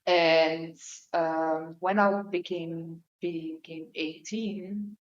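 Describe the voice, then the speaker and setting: Dutch-born woman, low voice, lo-fi audio. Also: steady tone, extremely slow. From Netherlands. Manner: open, hesitant, many fillers. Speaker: podcast guest. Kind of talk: candid personal conversation. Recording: dull lo-fi audio.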